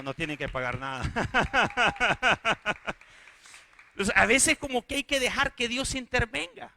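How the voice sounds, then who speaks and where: A man preaching a sermon to his church, telling stories and rising into fervent, shouted preaching. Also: on the high side, vocal fry, no room sound. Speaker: pastor.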